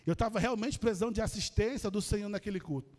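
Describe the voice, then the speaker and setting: Animated high-voiced Brazilian preacher. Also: male voice, fast, long reverb tail. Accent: Brazilian Portuguese. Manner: animated storytelling, addresses the congregation. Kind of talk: sermon. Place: church.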